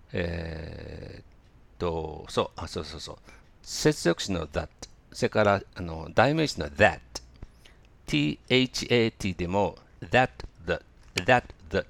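Low gravelly-voiced male pronunciation teacher. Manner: hesitant, many fillers, slow drilled demonstrations. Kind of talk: relaxed spoken lesson.

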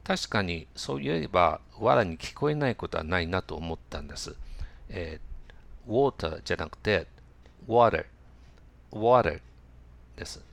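A man giving a relaxed spoken lesson on pronunciation, using many fillers and repeating example words slowly. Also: low voice, creaky, no room sound. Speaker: English pronunciation teacher.

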